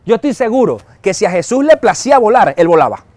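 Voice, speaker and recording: Man, pastor, high voice, lively sermon, acted-out dialogue. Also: fast talker, no room sound. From Venezuela. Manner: lively, acts out quoted dialogue and chuckles often.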